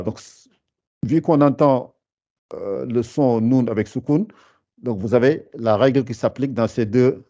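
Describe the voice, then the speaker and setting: Man teaching tajwid, dark dull audio. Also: on the low side. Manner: patient, halting, many fillers, slow chanted recitation of verses. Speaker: Quran recitation teacher. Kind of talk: online tajwid class, explaining and reciting.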